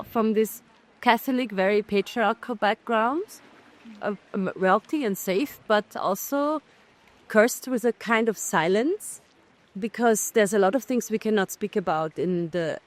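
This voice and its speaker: Here an Austrian documentary filmmaker in middle age responds to festival interview questions with care, her voice sitting on the high side. She often stops and begins again while hunting for words.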